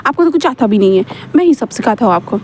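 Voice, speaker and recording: A woman's voice: fairly high pitch, animated, fast, darkish tone, slight background noise, lightly acted. A woman voicing a cheeky, spoiled young man with a playful, whiny teasing manner.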